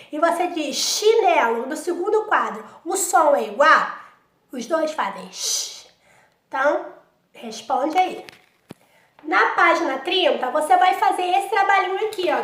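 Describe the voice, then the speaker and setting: Very high-voiced Brazilian teacher, echoey room. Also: female voice, a bit bright. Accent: Brazilian Portuguese. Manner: patient, speaks straight to the child, fond of diminutives. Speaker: primary school teacher. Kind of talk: recorded workbook lesson for young children. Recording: roomy echo.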